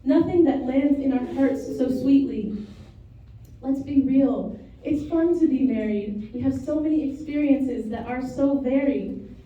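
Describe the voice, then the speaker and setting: A woman officiating a wedding, reading a rhyming homily in a measured, rhythmic way. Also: sits high, warm tone. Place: wedding venue. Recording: roomy, distant, dull lo-fi sound.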